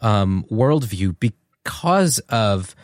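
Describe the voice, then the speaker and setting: A man hosting a podcast conversation, speaking thoughtfully and haltingly, often restarting his sentences. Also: lowish voice, expressive, no room sound, studio quality.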